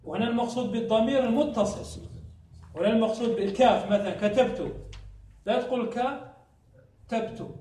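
A man's voice: very high-pitched, a little fast, pauses often, dark tone, slight background noise. A man teaching a classroom lesson on Arabic grammar, often asking a question and answering it himself. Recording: echoey room, mic far off.

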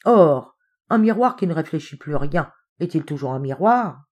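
A woman doing an excitable triumphant young man. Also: fairly high pitch, moderate pace. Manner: eager, insistent and rhetorical. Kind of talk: audiobook character reading.

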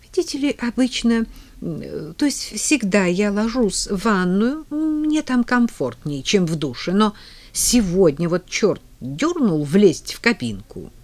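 A woman's voice: mid-range voice, big pitch swings, measured pace, darkish tone, pitched above the performer's own voice. A woman putting on a fussy, tearful old lady. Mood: fretful. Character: flustered old woman stuck in a shower. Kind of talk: audiobook character reading.

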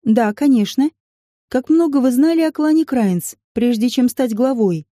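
A curious young male werewolf asking polite, probing questions, as a woman reads him in an audiobook. the tone is very dark and soft, the sound close and dry. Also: sits high, animated, unhurried, no echo.

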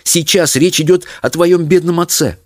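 A fussy middle-aged mother, shrill and fretful, scolding and wailing by turns, as a man reads her part. Her voice sits well above a man's own, with lively swings of pitch. The recording is dry and close. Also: brisk, no room sound. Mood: stern.

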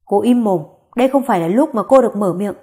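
A woman's voice: mid-range voice, a little fast, darkish tone, natural voice. A woman voicing a stern, commanding elderly grandfather in a spoken story.

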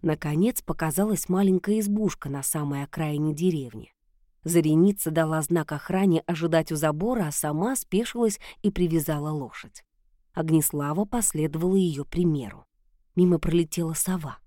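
Woman, audiobook fairy-tale narration, calm, measured, low voice, dry sound. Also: dry recording.

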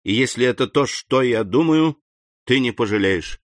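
A man voicing a grave, noble middle-aged count, calm and measured in an audiobook reading. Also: mid-range voice, dry recording, lightly acted. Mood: intent.

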